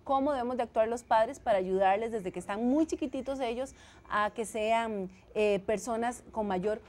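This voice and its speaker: A woman's voice: a little high, normal speed, a little mellow. A woman hosting a call-in talk show, announcing the number and welcoming callers. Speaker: program host.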